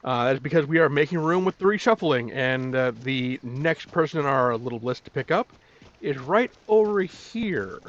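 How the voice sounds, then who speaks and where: A man's voice: mid-range voice, lively intonation, normal speed. A man hosting a casual let's play, chatty and jokey with folksy turns of phrase. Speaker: YouTube gaming host. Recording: dull audio with music behind. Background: game music.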